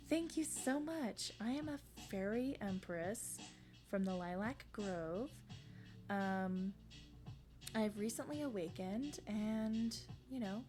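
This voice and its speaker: A woman streaming live, chatting casually with viewers, rambling and self-deprecating, sniffling, bursting into excited greetings as she reads the chat. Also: mid-range voice. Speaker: streamer debuting a virtual fairy-empress persona.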